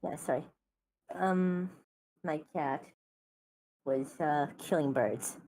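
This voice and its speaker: A woman's voice: deep voice, slow, dark tone. A woman player chatting casually over a voice call, her voice echoing back.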